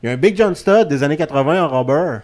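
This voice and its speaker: A man's voice: a little high, animated, fast, darkish tone. A man with a Quebec French accent hosting a wrestling talk show in a casual, joking, chatty way. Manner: informal, joking. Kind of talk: casual studio chat.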